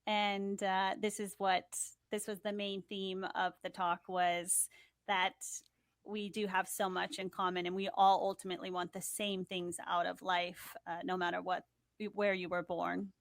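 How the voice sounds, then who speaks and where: A young woman, a TV host and producer, appears as a guest in a conversational interview, telling stories in an upbeat, chatty way. Her mid-range voice has little pitch movement and a slightly slow pace, with no echo.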